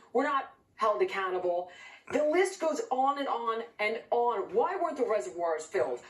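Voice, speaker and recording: A woman from California speaking as a guest in a heated interview, outraged and emphatic, firing off points rapidly. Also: high voice, roomy sound, far from the mic, low-quality recording.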